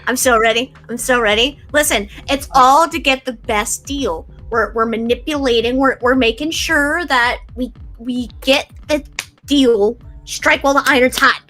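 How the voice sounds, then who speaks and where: High-voiced playful woman at game table. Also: normal speed, bright, forceful tone, faint music behind. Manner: playful, slangy. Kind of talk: casual in-character table chat.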